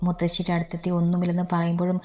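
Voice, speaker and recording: Low, even-toned woman storyteller. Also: racing. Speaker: story narrator. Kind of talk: scripted story narration.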